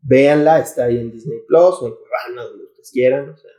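Mellow-voiced Mexican man, laddish and profane. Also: medium pitch, fairly quick. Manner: slangy, profane, irreverent laddish banter. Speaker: podcast host. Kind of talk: casual comedic podcast chat. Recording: echoey room.

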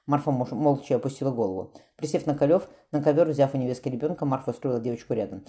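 Fast, deep-voiced female audiobook reader. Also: warm tone. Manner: fast reading with slips and self-corrections. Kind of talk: audiobook narration.

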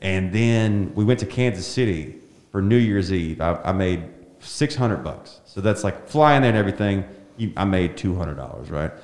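Animated low-voiced man in a roomy space. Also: normal speed. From Alabama. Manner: animated storyteller, acts out quotes. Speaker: comedian guest. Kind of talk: storytelling interview chat. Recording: roomy echo.

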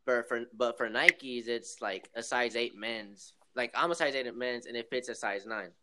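An eighteen-year-old shoe reseller hosts a call, chatting in a laid-back, slangy way and saying "bro" and "like" constantly. His voice is medium-pitched at a normal speed, and the recording is very noisy.

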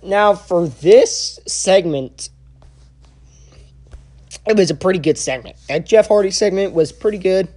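Slow, halting young man reviewing. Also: high-pitched, a little mellow. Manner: halting, full of uh fillers and restarts. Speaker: wrestling show reviewer. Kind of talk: casual spoken review.

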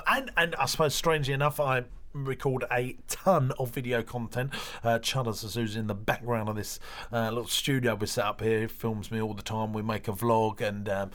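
Male interview guest, Essex accent, mid-pitched, informal and chatty business talk. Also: a bit bright. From Essex, England. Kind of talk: casual interview chat. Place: small studio.

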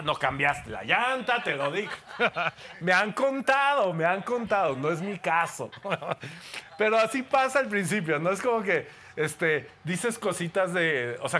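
Bright-voiced Mexican man preaching. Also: high-pitched, animated, measured pace, slight background noise. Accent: Mexican Spanish. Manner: playful, joking, conversational. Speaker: pastor. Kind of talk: sermon. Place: church before a congregation.

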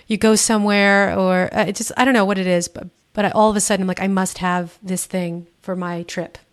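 A woman's voice: medium pitch, fairly even intonation, brisk. A woman hosting a casual interview, telling stories in a chatty, rambling way full of fillers. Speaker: podcast host, interviewer.

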